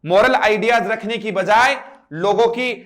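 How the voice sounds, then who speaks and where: An Indian-accented man with a high voice teaching a grammar class. He works through each example step by step, quizzing his students and spelling out words one letter at a time. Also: unhurried, fairly bright tone. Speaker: English teacher.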